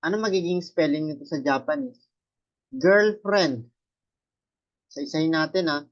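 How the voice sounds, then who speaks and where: A man's voice: fairly high pitch, normal speed, muffled recording. A man teaching a Japanese lesson, explaining step by step and often checking with his students. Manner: explains step by step, quizzing students with rhetorical questions. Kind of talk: classroom lesson explaining katakana.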